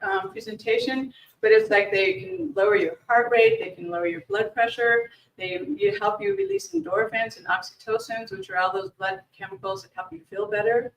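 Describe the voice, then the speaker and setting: A woman leads an informal grief workshop in a meeting room before a live audience, talking conversationally and often restarting or repeating words. Her voice is a little high and very animated at a normal speed, picked up by a distant room mic in an echoey room, far from the mic.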